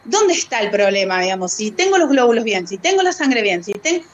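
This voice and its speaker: A woman's voice: on the high side, sing-song, brisk. A woman guest speaking as a fat activist, telling a personal story in a hesitant way, with many fillers and laughs between phrases. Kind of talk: conversational storytelling.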